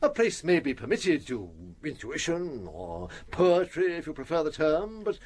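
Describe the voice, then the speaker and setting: Pompous, high-voiced British doctor. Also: male voice, wildly swooping pitch, unhurried, a little mellow, heavily acted. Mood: condescending. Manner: pompous, pedantic, hesitant. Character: pompous, learned male doctor, earnest and self-important. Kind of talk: British radio drama acting.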